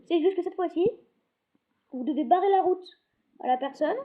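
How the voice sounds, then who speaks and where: A woman's voice: extremely high pitch, normal speed. A woman giving casual gameplay commentary, rambling and often cutting herself off mid-sentence. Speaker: gaming video host. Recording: tinny phone-like lo-fi recording.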